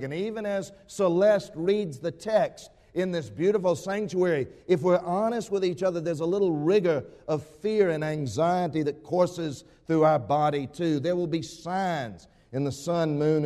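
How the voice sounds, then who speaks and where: A pastor preaching a dramatic sermon, full of rhetorical questions, rising to a raised voice and dropping to a hush. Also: male voice, fairly high pitch. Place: church sanctuary. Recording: long reverb of a church sanctuary.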